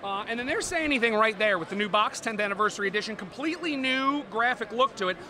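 A man giving a playful, animated board game demo at a busy convention, joking with the interviewer as he explains the rules. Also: high-pitched, fast, a crowd in the background. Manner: playful, animated, jokey salesman. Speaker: board game publisher representative.

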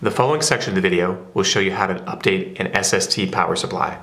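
A man's voice: low-pitched, quick pace, pushed and bright. A man narrating a step-by-step product how-to in a plain, methodical way. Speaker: product demonstrator. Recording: roomy echo.

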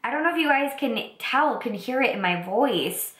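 A young woman vlogger with a slightly raspy, congested voice from a cold, chatting enthusiastically while doing her makeup at home. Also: a little high, animated, normal speed, a bit bright. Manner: chatty, enthusiastic product talk. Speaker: beauty vlogger. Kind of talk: casual get-ready-with-me makeup talk. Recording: roomy echo.

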